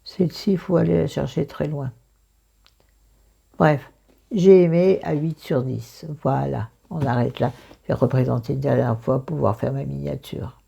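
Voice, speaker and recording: A woman with a croaky morning voice and vocal fry, chatting casually through a book review in a self-mocking, digressive way, thinking aloud. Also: rumbling low, steady tone, normal speed, mellow, lo-fi sound.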